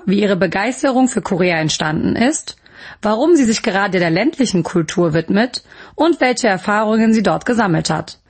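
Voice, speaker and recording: A woman's voice: medium pitch, darkish tone, husky. A woman from Germany hosting a radio interview show, reading a scripted intro and then chatting in a friendly way.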